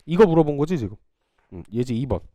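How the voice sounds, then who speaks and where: Teasing, lively Korean math tutor man. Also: mid-range voice, fast talker, no room sound. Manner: teasing, chatty, scolds students playfully. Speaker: math academy teacher. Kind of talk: casual classroom lecture. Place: small classroom.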